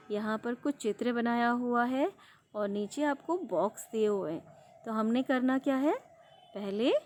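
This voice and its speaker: A woman teaching a young class, reading words slowly and drawn out, asking questions and answering them herself. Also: a little high, darkish tone. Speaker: primary school teacher. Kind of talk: online class lesson.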